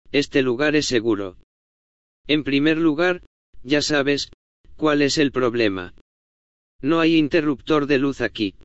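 Middle-aged male pastor, smooth voice, folksy sermon storytelling, slightly dull recording. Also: a little high, dry recording. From United States. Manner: folksy storytelling, conversational asides.

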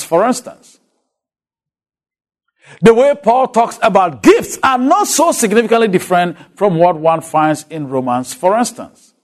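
This high-voiced man from Ghana teaches on a Bible letter, addressing rhetorical questions to his listeners in Ghanaian-accented English, which is not his first language.

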